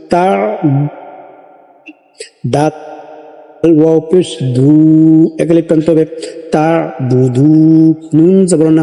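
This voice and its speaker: A man teaching Quran recitation in a live online lesson, spelling out letters and vowel marks, then chanting each word slowly for his viewers to repeat. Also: a little high, mellow. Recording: long hall reverb with faint music.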